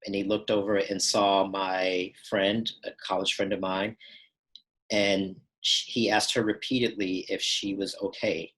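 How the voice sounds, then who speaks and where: A man from Texas tells his own story in a steady, thoughtful voice that sits a little low. He pauses and restarts as he goes, choosing his words with care. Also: rough recording. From Texas, United States. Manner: measured and reflective, with pauses and small restarts. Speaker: storyteller recounting personal experiences. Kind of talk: first-person account.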